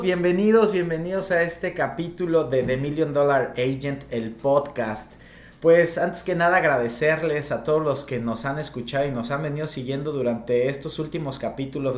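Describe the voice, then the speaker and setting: A podcast host welcoming and introducing a guest in relaxed, slangy Spanish. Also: mid-range voice, roomy sound. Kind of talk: casual interview chat.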